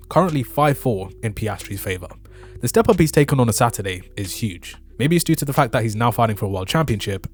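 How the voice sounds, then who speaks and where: This Formula One race review comes from a motorsport video creator whose mid-range voice has a touch of mellowness. His commentary is scripted, full of opinions and casual fan lingo, and there's music in the background.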